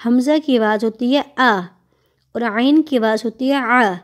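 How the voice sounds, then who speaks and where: A patient woman with a Pakistani Urdu accent teaches a tajweed lesson in a slightly high voice. She explains how each letter should sound and then recites the verses slowly, drawing out the vowels. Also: a little mellow.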